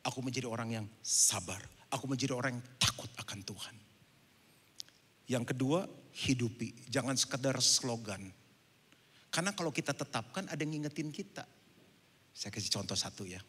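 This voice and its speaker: A middle-aged man preaching a sermon as pastor at a church service, telling lively stories and mixing English phrases into his talk. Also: mid-range voice, normal speed, pauses often, husky. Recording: long church-hall reverb.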